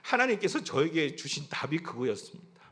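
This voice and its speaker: A man's voice: on the high side, very animated, fairly quick, sharp tone. A male pastor preaching a sermon with passion, stressing his points and speaking to his congregation. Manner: impassioned preaching, acting out prayers in a pleading voice.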